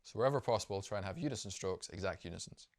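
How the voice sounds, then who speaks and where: A man's voice: on the low side, lively intonation, rapid-fire, very noisy. Upbeat man teaching drum rudiments. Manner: upbeat, explanatory, counts rhythms aloud. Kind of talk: instructional video lesson.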